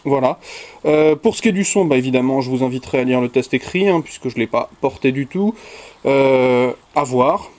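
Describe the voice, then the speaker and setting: A man's voice: medium pitch, moderate pace, darkish tone. A young man hosting a casual unboxing video, rambling and often correcting himself with little jokes. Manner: rambling, self-correcting, jokey. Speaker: tech video host unboxing a headset.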